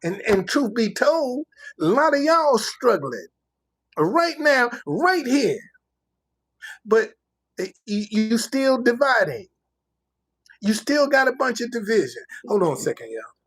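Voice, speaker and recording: Slow, preachy American man ranting. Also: extremely high pitch, sing-song, a bit bright, husky. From United States. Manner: emphatic, preachy, repeats phrases for effect. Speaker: livestream commentator. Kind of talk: casual ranting monologue.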